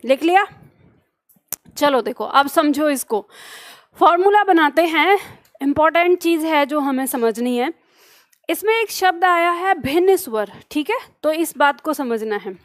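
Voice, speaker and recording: High pitched woman teaching online, slow dictating pace, snaps at comments now and then. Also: lively intonation, no echo. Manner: slow deliberate dictation, scolding asides. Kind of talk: online grammar class, dictating notes.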